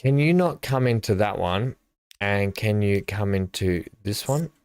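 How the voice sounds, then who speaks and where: A man's voice: lowish voice, expressive, a little slow, darkish tone, clear, resonant tone, no echo. A middle-aged man, chatting and thinking aloud while he streams a building game live. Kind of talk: live gameplay commentary.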